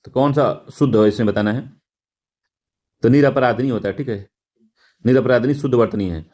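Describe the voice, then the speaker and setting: A man's voice: medium pitch, moderate pace, a little mellow. Man explaining test answers, muffled audio. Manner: repeats words, self-corrects, frequent "theek hai" fillers. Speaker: exam prep teacher.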